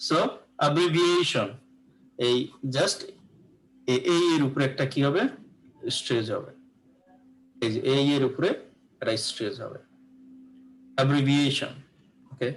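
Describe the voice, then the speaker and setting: A man's voice: medium pitch, slow, long pauses, poor audio. A man with a Bangladeshi accent teaching English pronunciation in a live class, explaining patiently and often checking that students follow.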